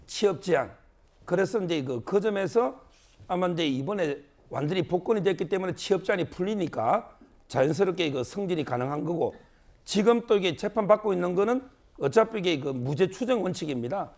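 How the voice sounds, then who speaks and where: High-pitched male lawyer, filler-heavy. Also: lively intonation, brisk, a little mellow. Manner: explanatory, heavy use of filler words, repeats key phrases. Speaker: lawyer panelist. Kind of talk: TV panel commentary.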